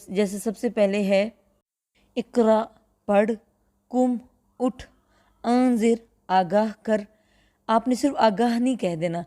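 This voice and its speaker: A woman teacher with a mellow, darker voice. She explains step by step in a patient, even tone. She slows right down to repeat each word for practice. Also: medium pitch. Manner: clear, patient explaining, slows down to drill pronunciation. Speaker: Qur'an translation teacher. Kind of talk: recorded online lesson.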